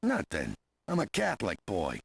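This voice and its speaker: An actor playing a weary, gruff police desk sergeant in a video game, husky and blunt. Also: male voice, lowish voice, huge pitch swings, normal speed, dry recording, heavily acted. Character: weary gruff middle-aged New Orleans desk sergeant.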